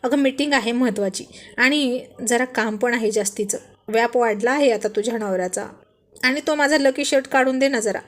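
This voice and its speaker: Brief: woman voicing a playful husband, joking and flirty, highish voice. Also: fairly quick, close to an everyday voice. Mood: teasing.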